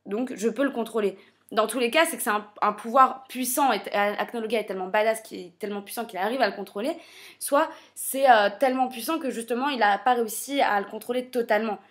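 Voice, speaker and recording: A woman with a slightly raised pitch talks through a manga chapter in relaxed, off-the-cuff commentary. She stops and restarts often to correct herself as she works out her ideas. She also slips in light, teasing jokes. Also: quick pace. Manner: thinks aloud with many fillers and self-corrections; playful, teasing asides. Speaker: manga reviewer. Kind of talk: casual spoken commentary.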